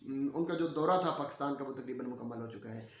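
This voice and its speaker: A man's voice: mid-range voice, fast talker. A man gives an opinionated political commentary vlog, talking emphatically with frequent filler sounds. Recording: roomy echo.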